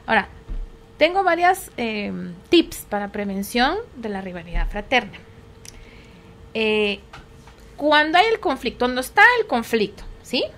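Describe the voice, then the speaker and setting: A middle-aged woman psychologist, appearing as a guest, explains things patiently in conversation and often checks that her listener agrees. Her voice is fairly high and sing-song, unhurried, with a fairly bright tone.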